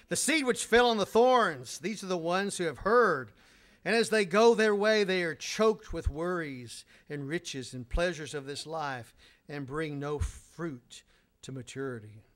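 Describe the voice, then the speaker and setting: A man's voice: fairly high pitch, animated, a little slow, a bit bright. A man preaching a sermon as a pastor, telling stories in a conversational way with sarcastic humor.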